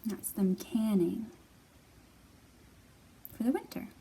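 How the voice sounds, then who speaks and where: In a room at a public library, a woman with a warm, gravelly, medium-pitched voice leads a children's storytime with singalong songs. She speaks slowly, encouraging and playful, explaining things simply for little ones. The mic is distant, picking up room noise.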